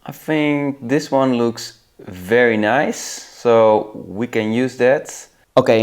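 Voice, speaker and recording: Dutch-accented man, middle-aged, slow relaxed talk, fairly low voice. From Netherlands. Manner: relaxed, thinking aloud, laughs at results. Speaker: video host. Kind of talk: casual screen-recording tutorial.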